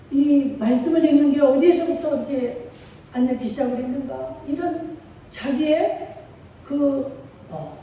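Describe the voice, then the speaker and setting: A woman's voice: sits high, mellow, lo-fi sound, slight background noise. A middle-aged woman pastor preaching a sermon with feeling and call-and-response. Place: church sanctuary. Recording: echoey church hall from far off.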